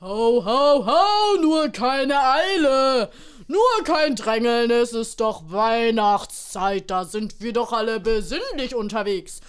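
A jolly, bumbling Santa Claus voiced by a woman holds court in a comedy sketch. He booms his ho-ho-hos and speaks slowly, in a mock-solemn, unhurried way. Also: expressive, clean tone. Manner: booming ho-ho laughs, slow and mock-solemn.

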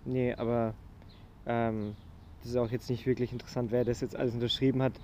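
A man's voice: medium pitch, little pitch movement, a little fast, a little mellow, slight background noise. A man in a casual study discussion, talking hesitantly with many fillers and restarts. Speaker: student discussing a historical document.

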